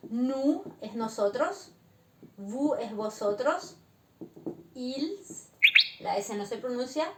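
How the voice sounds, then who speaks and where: A woman teaching beginner French, explaining slowly and patiently and often checking that her students follow. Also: on the high side, darkish tone, roomy sound, slight background noise. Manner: slow, patient explaining with frequent check-ins. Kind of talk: beginner language lesson.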